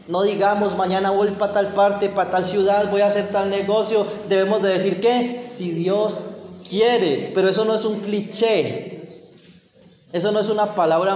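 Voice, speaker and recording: A man's voice: high voice, darkish tone, slight background noise. A man preaching a sermon, emphatic and acting out whiny prayers. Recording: roomy church hall with long reverb.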